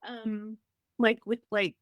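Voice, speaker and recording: In a slightly high voice with a level tone, a middle-aged woman slowly tells her grief story as a podcast guest. She's candid and emotional, casual in delivery, with many fillers and restarts, and there's no room sound.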